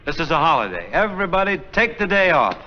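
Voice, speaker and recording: Easygoing priest, teasing and warm-humored, swinging pitch; old film sound, dull with hiss. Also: male voice, very animated, fast talker, over a noisy crowd. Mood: breezy. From Missouri, United States. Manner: easygoing, jovial, gently teasing. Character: breezy, good-humored young male priest. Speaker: parish priest. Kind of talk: 1940s film acting. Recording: muffled, hissy 1940s film soundtrack.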